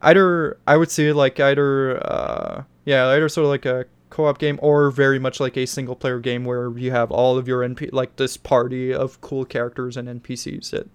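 Man with a stuffy blocked nose, smooth clear voice, rambling casual podcast talk, swears often. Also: medium pitch, little pitch movement, normal speed, few pauses. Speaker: podcast host. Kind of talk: casual chat.

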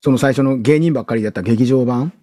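A man with a Kansai accent co-hosting a podcast in casual chat, relaxed as he tells the story, with playful jokes. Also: mid-range voice, fast. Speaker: podcast co-host.

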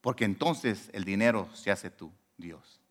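A man preaching a sermon as a pastor, conversational and animated, often asking rhetorical questions. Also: fairly low pitch, measured pace.

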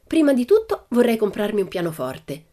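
Storybook: woman reader doing a brash, fearless little girl, high and punchy. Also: huge pitch swings, fairly quick. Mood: cheeky. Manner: loud, emphatic and high-spirited. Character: bold cheerful little girl, carefree and cheeky. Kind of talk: audiobook character reading.

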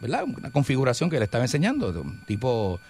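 A man's voice: medium pitch, wildly swooping pitch, fast, darkish tone, slight background noise. A man hosting a talk show in casual banter, joking and laughing often and dropping English words into his speech. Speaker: radio show host.

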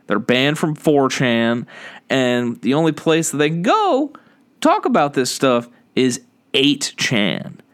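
A man's voice: medium pitch, big pitch swings, takes it slowly, fairly bright tone, clean tone. Rambling Midwestern man, podcast host. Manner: rambling, laughs often, many fillers and restarts. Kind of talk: casual podcast chat. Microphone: studio microphone.

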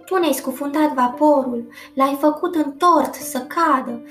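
A woman's voice: very high voice, fairly bright tone, voice pushed up. A woman voicing a fussy, indignant pet fish who scolds and complains, in an echoey room with faint guitar music. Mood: scolding.

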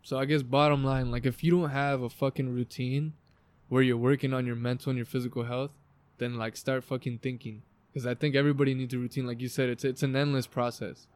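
A man with an American accent records a casual motivational podcast outside in his backyard, and the audio sounds dry. His medium-pitched voice barely moves in pitch and runs fairly quick as he speaks emphatically, informally and with plenty of swearing.

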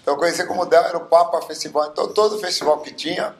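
A man's voice: on the high side, rapid-fire. Guy in his 70s, rambling storyteller, roomy echoey sound. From Bauru, Brazil. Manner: rambling, many fillers like "né". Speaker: guest singer. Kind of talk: casual interview storytelling. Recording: roomy echo.

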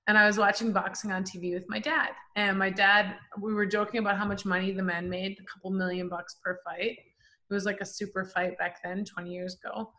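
Canadian woman boxer, 40s, bright punchy voice, chatty, lots of likes and ums. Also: mid-range voice, fairly quick. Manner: animated, chatty, many fillers like "like" and "um". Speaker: professional boxer, podcast guest. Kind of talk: casual storytelling interview.

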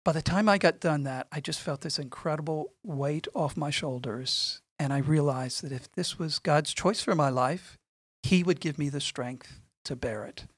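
A middle-aged man speaking earnestly and in a measured way, sharing a personal testimony in conversation. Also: on the high side, slightly rough, no echo. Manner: earnest, measured, repeats phrases for emphasis. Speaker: guest speaking on faith and suffering.

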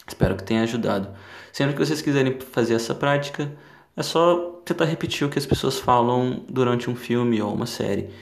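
A man's voice: medium pitch, a little fast, gravelly, reverberant. A man hosting a podcast lesson, explaining and talking directly to his learners. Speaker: podcast host and English teacher.

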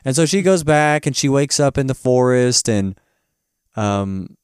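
A man's voice: medium pitch, animated, a little slow, darkish tone, clean tone, dry recording, studio quality. A man co-hosting a podcast in casual chat, retelling a film's scenes with lots of fillers and acted-out quotes. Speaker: podcast co-host.

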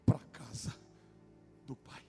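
A man's voice: takes it slowly, warm tone, soft background music. A male preacher giving a fervent sermon at a church service and calling out to the congregation.

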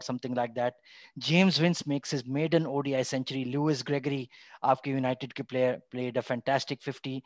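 Fast-talking Pakistani-accented man hosting a podcast. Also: medium pitch, no room sound. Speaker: podcast host. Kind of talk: conversational sports discussion mixing in Urdu.

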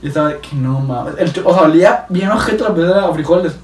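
A man's voice: a little high, animated, quick pace, a little mellow. A young man from Mexico with a Mexican Spanish accent, telling stories in a casual, slangy way and laughing often. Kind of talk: casual chat. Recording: echoey room, mic at a distance.

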